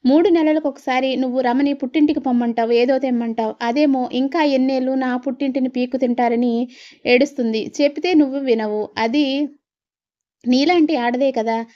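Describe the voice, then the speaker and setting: A woman's voice: high voice, steady tone, normal speed, muffled recording, lightly acted. A woman voicing an exasperated grown son who complains to his mother about family strife.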